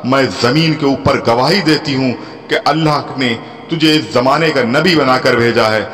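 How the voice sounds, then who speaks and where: A man's voice: moderate pace, lightly acted. A man putting on a tearful elderly woman. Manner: tearful, pleading, rising to high emotional appeals. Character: pleading elderly woman from Mecca. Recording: long hall reverb with soft music.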